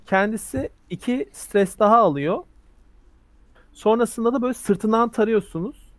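A man's voice: high voice, moderate pace, no room sound. A man running a tabletop role-playing game, explaining rules and narrating action scenes vividly. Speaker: game master.

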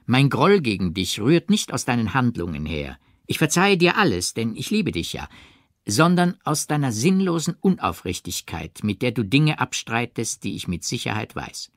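A man reading an audiobook, voicing a jealous gentleman lover who presses with falsely gentle persuasion. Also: medium pitch, very animated, normal speed, dry recording, studio quality, voice pushed up, natural voice. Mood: persuasive.

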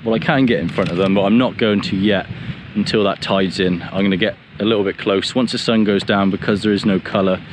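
Man in his thirties, casual vlog, relaxed and chatty, outdoor beach, camera held at arm's length, faint background noise. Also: on the low side, a little fast, hardly any pauses. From England. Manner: relaxed, chatty, self-deprecating. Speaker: photography vlogger. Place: open beach outdoors at sunset. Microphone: camera-mounted mic, held at arm's length.

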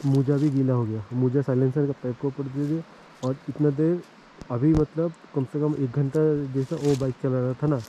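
In a low-quality recording with slight background noise, a man narrates his motorcycle journey outdoors on mountain roads. He speaks at normal speed in a mellow, medium-pitched voice with fairly even intonation, keeping the vlog casual and full of fillers.

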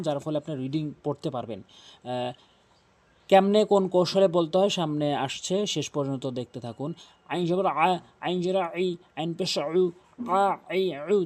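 A man teaching Quran reading, slowly drilling Arabic letter sounds over and over. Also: high voice, dark tone. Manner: slow, repetitive call-and-drill recitation.

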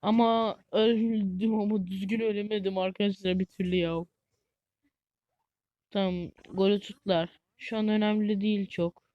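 A woman giving live gameplay commentary as a gaming YouTuber, excitable and easily frustrated, chatting to viewers like friends. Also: mid-range voice, moderate pace, dry recording, highs cut off.

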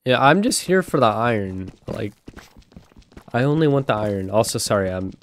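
Congested from a cold, a young man hosting a gaming channel talks his way through gameplay in a rambling, chatty style, now and then bursting out excitedly. His voice sits lowish at a moderate pace, with a little hiss or hum.

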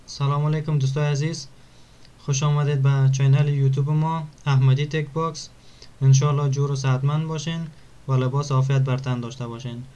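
A man teaching an online language lesson, repeating words slowly and clearly for pronunciation. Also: medium pitch, level tone, mellow.

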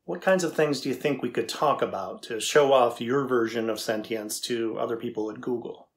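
A middle-aged man with a mid-range voice and normal pace gives a lightly acted performance in a scripted dramatization. He plays a curious, skeptical tech engineer interviewing an AI, sounding matter-of-fact, inquisitive and probing, indoors against a plain backdrop.

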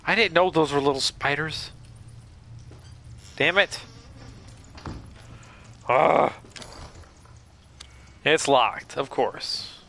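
A man's voice: fairly high pitch, drawn-out words, gravelly, long pauses. A man giving live commentary while streaming a horror game, chatting with viewers and breaking into startled exclamations. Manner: jumpy, exclaims loudly when startled.

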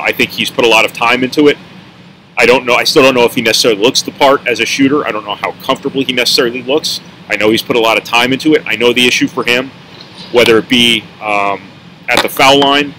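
Bright-voiced man giving post-game analysis. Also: mid-range voice, a little hiss or hum, low-quality recording. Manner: rambling, self-correcting, dry asides. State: talking with a mint in his mouth. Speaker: sports reporter.

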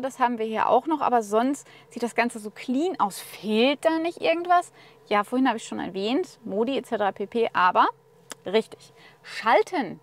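Upbeat woman reviewing a car interior. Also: fairly high pitch. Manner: chatty, upbeat, addresses viewers directly. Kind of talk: casual car walkthrough. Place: inside a car.

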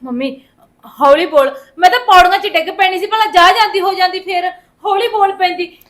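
A young wife caught between her mother and her in-laws, played by a woman. Her voice sits high, and she hushes and pleads. She tries to calm the quarrel. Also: a little fast. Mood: pleading. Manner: pleading, hushing. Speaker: daughter-in-law, the visiting mother's daughter.

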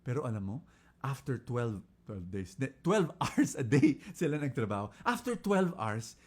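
Giving an inspirational talk at a measured pace, a preacher with a Filipino accent tells stories, his pitch and volume jumping lively as he switches between Filipino and English.

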